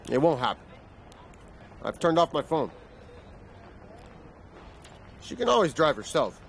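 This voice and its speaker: A man's voice: fairly high pitch, very animated, measured pace, heavily acted. An actor dubbing a middle-aged single father who dodges his daughter's questions, in an English dub of a TV drama. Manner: gruff and evasive, brushing off questions. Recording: faint background noise.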